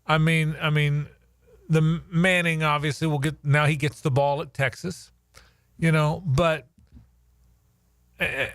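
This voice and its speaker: A male sports radio host with an American accent and a somewhat high voice chats casually. He repeats words and phrases as he goes, in a very dry studio sound. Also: level tone, takes it slowly, long pauses, fairly bright tone, clear, resonant tone, dry recording.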